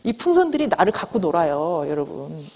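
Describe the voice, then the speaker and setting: A woman's voice: on the low side, very animated, fairly quick, breathy edge. A woman professor giving a seminar lecture, earnest and coaxing, often checking in with the class and acting out inner voices. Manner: acts out inner voices in a raised tone. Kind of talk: lecture to students. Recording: dull, lo-fi lecture hall recording with long reverb.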